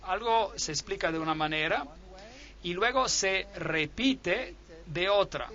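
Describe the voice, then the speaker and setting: High bright-voiced man lecturing on prophecy. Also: unhurried, muffled recording. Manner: steady explanatory delivery, reading Bible verses aloud. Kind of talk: sermon lecture.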